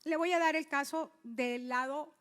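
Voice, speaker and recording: A middle-aged woman preaching a sermon, speaking in short phrases and pausing for her interpreter as she tells a personal story. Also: high-pitched, a bit bright.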